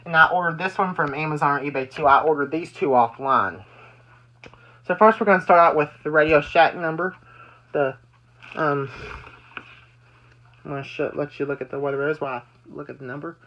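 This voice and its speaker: An amateur video maker gives a casual, rambling show-and-tell demonstration of weather radios, often repeating and restarting phrases. The mid-range voice is fairly quick and fairly bright, with long pauses, and the highs are cut off.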